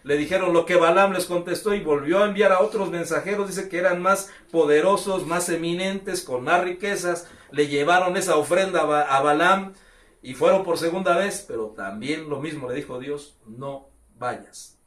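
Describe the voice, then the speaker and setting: Mexican pastor preaching in an echoey church. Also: male voice, on the high side, moderate pace, a bit bright. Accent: Mexican Spanish. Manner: storytelling, acting out the characters with raised voice. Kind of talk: sermon. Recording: echoey church room, voice from far off.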